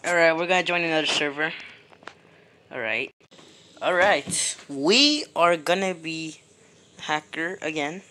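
A gaming YouTuber giving excitable, exclaiming commentary over gameplay, talking straight to viewers. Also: medium pitch, unhurried, long pauses, slight background noise.

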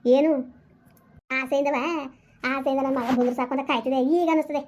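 An actor playing a fiery old village mother who scolds her grown son in a rapid, cursing tirade, in a rural comedy skit. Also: sits high, steady tone, close to an everyday voice. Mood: bitter, scolding. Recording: dull lo-fi recording.

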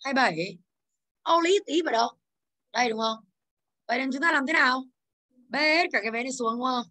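High bright woman teacher, drills the class with questions. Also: brisk. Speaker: English teacher.

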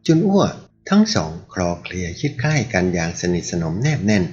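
A man reading a martial-arts novel aloud as an audiobook narrator, raising his pitch to voice the characters. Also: sing-song, brisk, a little mellow, dull audio.

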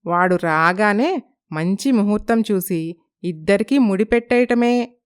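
A woman's voice: medium pitch, lively intonation, a little slow, clear, resonant tone, close to an everyday voice. A woman voicing a caring, anxious middle-aged mother in a storybook. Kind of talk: storybook narration.

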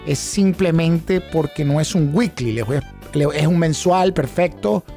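Speaking at a measured pace, this middle-aged options trading instructor has a somewhat high but dark-toned voice, with faint music in the background. He runs a live online class in Spanish mixed with English terms, questioning viewers and repeating phrases to stress them. A close studio mic on his desk picks him up.

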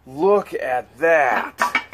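A man hosts an unboxing vlog of storage finds, chatting casually and exclaiming over each item. His voice is a little high and expressive, with drawn-out words. It's recorded on a handheld camera in a garage, with music in the background.

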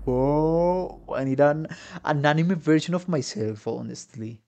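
A musician reacts to game trailers from a small room at home, swearing freely and exclaiming in a casual way. His voice is slightly high and a bit mellow, with vocal fry and a measured pace, and the trailers' music and voices play in the background.

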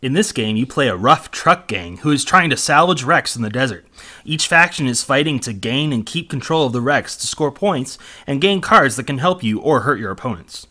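A man co-hosting a board game preview, explaining the rules in a steady, plain way. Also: medium pitch, normal speed. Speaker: game reviewer co-host.

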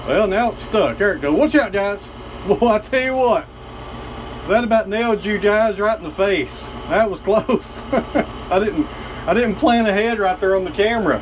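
A man with a fairly high voice narrates his farm work in a chatty, folksy way, talking straight to his viewers. He is recorded outdoors on a camera mic, with loud tractor and engine noise behind him. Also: moderate pace. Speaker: channel host. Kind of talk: casual vlog narration while working.

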